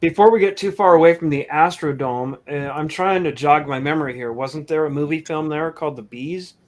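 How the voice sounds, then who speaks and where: A man's voice: fairly high pitch, brisk. A male host chatting and joking with his guest in a casual interview.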